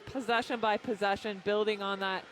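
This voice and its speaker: A woman's voice: medium pitch, steady tone, moderate pace, a bit bright. Woman analyst over noticeable background noise. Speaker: basketball analyst. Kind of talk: pre-game sports analysis. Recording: clear background noise and ambience.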